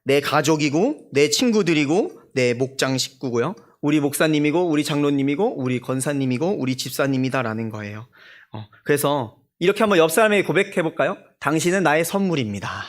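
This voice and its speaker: A young man preaching to his church. His voice sits a little high and swings widely in pitch as he tells stories. He acts out the quoted voices and keeps asking his listeners questions. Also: expressive, brisk. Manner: storytelling with acted-out quoted voices; addresses the congregation directly with questions. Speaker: junior pastor. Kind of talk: sermon. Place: church sanctuary.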